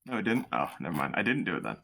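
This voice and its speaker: A man's voice: deep voice, very animated, very fast, creaky, sharp tone. A man playing in a tabletop game, joking in brash banter. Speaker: player.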